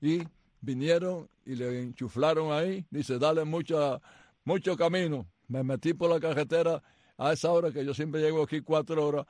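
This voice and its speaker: A man's voice: a little high, fairly even intonation, normal speed, a little mellow, no room sound. An older man co-hosting a sports radio show, telling rambling anecdotes in casual banter from the studio. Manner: chatty storyteller, rambling anecdotes.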